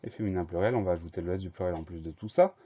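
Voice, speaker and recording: A man's voice: sits low, very fast, warm tone, breathy edge. A man teaching a spelling lesson, patiently explaining rules and spelling words letter by letter. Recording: dull lo-fi sound.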